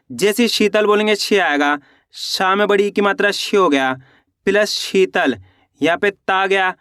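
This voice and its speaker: A man with a fairly high voice teaches a reading lesson. He sounds out each word one syllable at a time, then says the whole word in a lower, drawn-out tone. He keeps asking the class how to read it and answers his own questions. The recording is dry and close, with no room sound. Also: fairly bright tone, dry recording. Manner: slow syllable-by-syllable spelling, asks questions then answers them himself. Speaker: Hindi teacher.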